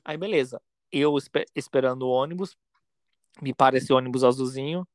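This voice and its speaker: A man's voice: medium pitch, normal speed, smooth, dry recording. Campy Brazilian man spinning a story. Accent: Brazilian Portuguese. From Brazil, São Paulo state. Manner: campy, dramatic storyteller with lots of slang asides. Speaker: podcast storyteller. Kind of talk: casual chat, anecdote telling.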